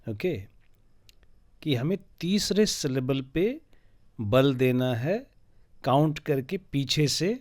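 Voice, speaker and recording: A man teaching English word stress, spelling out letters and syllables slowly and deliberately. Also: medium pitch, lively intonation, a little mellow, dry recording, studio quality. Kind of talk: educational lesson, mixing Hindi and English.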